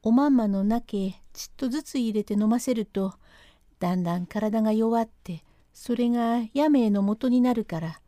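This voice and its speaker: A woman's voice: on the high side, normal speed, dark tone, dry recording, clean studio sound, natural voice. Woman doing a rustic male servant in country dialect. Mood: urgent. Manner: thick country dialect, breathless urgent storytelling. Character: rustic middle-aged male servant, excitable tattler. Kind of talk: reading a classic rakugo transcript aloud.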